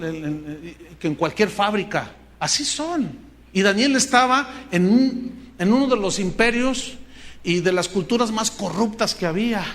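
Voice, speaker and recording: A man with a Mexican Spanish accent preaching a sermon as pastor, earnest and animated as he tells stories. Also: high voice. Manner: earnest, animated storytelling with acted quotes. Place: church hall with congregation.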